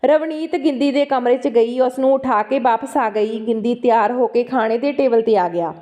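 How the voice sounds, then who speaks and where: A woman's voice: fairly high pitch, normal speed, warm tone. A woman with a Punjabi accent reading a story aloud as narrator, voicing the dialogue along with the narration.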